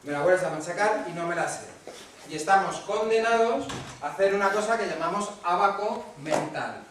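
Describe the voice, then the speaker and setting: A man's voice: high voice, moderate pace, fairly bright tone. Man lecturing from far off in a very echoey hall. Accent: Spanish from Spain. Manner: conversational, checks in with the audience often. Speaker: speaker at a talk for parents. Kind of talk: lecture to an audience. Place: hall at a parents' association talk. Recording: very echoey room, mic far off, faint noise.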